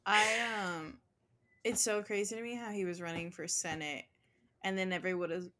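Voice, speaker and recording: A woman's voice: medium pitch, fairly even intonation, normal speed, bright, forceful tone. A young woman chatting casually, earnest and reassuring, walking listeners through things step by step. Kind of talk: casual chat.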